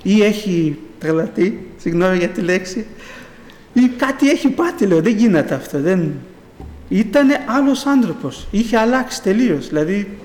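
A man's voice: high-pitched, lively intonation, darkish tone. A middle-aged man giving a rambling personal faith testimony at church, repeating "I say" again and again as he retells. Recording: echoey hall with long reverb.

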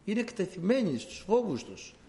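A male preacher delivering a sermon, telling stories in an animated way and addressing his listeners as dear brothers. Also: high voice.

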